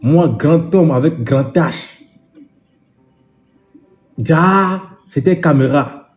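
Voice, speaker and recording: A man's voice: a little high, takes it slowly, soft background music. A man talking to camera in a casual vlog, scolding with indignant repetition. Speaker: vlogger.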